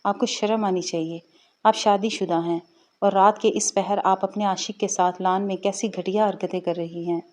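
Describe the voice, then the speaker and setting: A woman voicing a scheming young sister-in-law in a spoken story, loud and accusing. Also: medium pitch, steady tone, close to an everyday voice.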